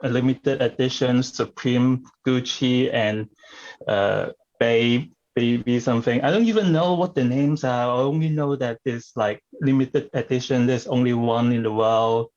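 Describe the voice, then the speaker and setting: A man performing improvised comedy scenes, speaking haltingly as he searches for his words. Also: medium pitch, steady tone, a little mellow, muffled recording.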